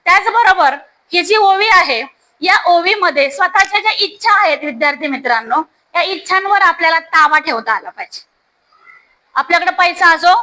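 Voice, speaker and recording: A woman's voice: very high-pitched, sharp tone, poor audio. A woman teacher explaining a devotional verse to schoolchildren in a storytelling way, speaking directly to the students.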